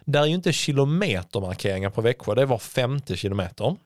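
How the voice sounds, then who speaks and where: A man co-hosting a podcast in easy, casual chat, with a voice sitting at an ordinary middle pitch. He recounts things with energy and breaks into high, put-on voices whenever he quotes someone. The sound is close and dry, with no room around it. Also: very animated, dry recording. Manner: chatty, acts out quotes with sudden high voices. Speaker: podcast co-host.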